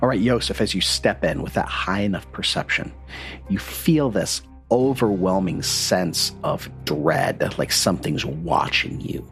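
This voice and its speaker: A man's voice: sits low, measured pace, creaky, fairly bright tone, soft background music. A man running a tabletop game as game master, narrating scenes and bantering playfully with the players.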